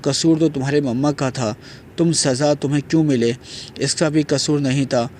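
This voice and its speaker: A man's voice: fairly high pitch, fairly even intonation, darkish tone, a little hiss or hum, natural voice. A man voicing a tearful, remorseful middle-aged aunt in an audio novel, speaking in a pleading, apologetic way.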